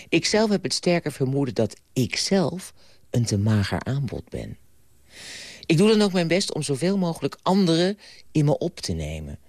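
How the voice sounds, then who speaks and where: A man reading a children's story aloud on the radio, with an animated, playful delivery, then reflecting on it. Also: medium pitch, no echo, studio quality. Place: radio studio.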